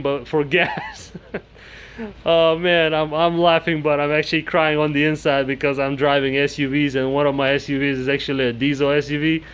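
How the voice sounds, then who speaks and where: A man's voice: fairly high pitch, clean tone. A man vlogging casually from his cluttered indoor shop, rambling through costs with many restarts and fillers. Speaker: mower repair vlogger. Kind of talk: casual workshop vlog.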